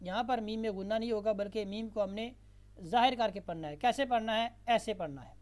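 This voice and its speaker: A woman teaching a tajweed lesson. She moves between slow, drawn-out chanted recitation and brisk spoken explanation, and repeats words patiently for the learner. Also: medium pitch, a little mellow.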